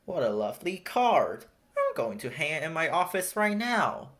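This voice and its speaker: Narrator voicing a gracious, animated museum woman. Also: mid-range voice, normal speed. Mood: pleased. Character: gracious appreciative female museum director. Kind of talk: children's storybook character voice.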